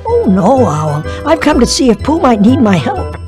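Cartoon game piglet: small, high, timid, stammering, earnest, lively pitch. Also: male voice, moderate pace, heavily acted. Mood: shy, eager. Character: tiny, timid, earnest, helpful young piglet. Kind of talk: animated video game dialogue. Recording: studio voice over game music.

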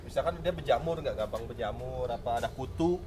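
A man's voice: mid-range voice, fairly quick, warm tone, slight background noise. A man chatting as co-host, teasing and joking. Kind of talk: casual joking chat.

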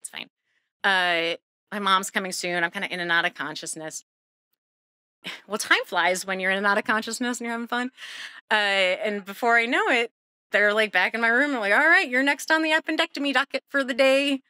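A woman in her thirties telling a true story live on stage, lively and laughing, acting out the people she quotes with big jumps in pitch. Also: a little fast, pauses often, no room sound, clean studio sound.

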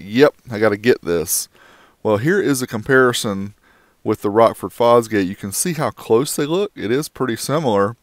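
A man's voice: mid-range voice, dry recording, studio quality. A man giving a casual voice-over review of a car amplifier, with wry joking asides.

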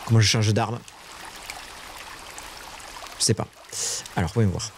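A man streaming a survival game, talking to his chat in casual live commentary and shrieking high when startled. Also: slow pace, creaky, noisy background.

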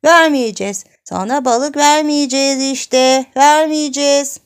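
A woman voicing a bratty little boy who brags and taunts in a high, childlike voice. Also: moderate pace, clean tone, lightly acted. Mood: cheeky. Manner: taunting, bragging.

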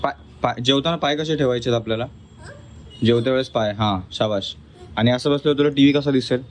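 A man vlogs about his family, talking to viewers while firmly coaxing and teaching his toddler at mealtime. His mid-range voice is fast, with slight background noise.

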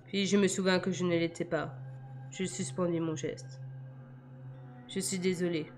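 A woman reading a novel aloud in a measured, quiet first-person narration. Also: lowish voice, fairly even intonation, music in the background. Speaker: audiobook reader.

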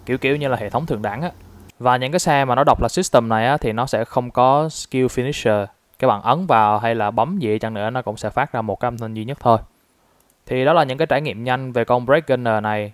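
A man's voice: mid-range voice, a little fast, no room sound. A man from Vietnam casually reviewing a toy, explaining it step by step with frequent fillers.

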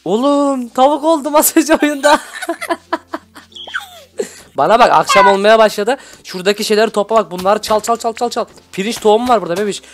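A young man giving excitable, shouty gameplay commentary as a video host. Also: high-pitched, a little fast, a little hiss or hum. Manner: excitable, shouty, constantly reacting. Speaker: gaming YouTuber host. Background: background music.

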